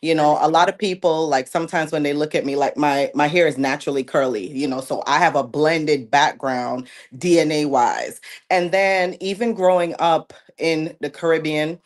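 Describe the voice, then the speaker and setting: A woman from Jamaica talks with a light Jamaican and New York accent. She is poised and measured as an interview guest, and her voice sits deep and low. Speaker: guest, model. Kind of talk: interview conversation.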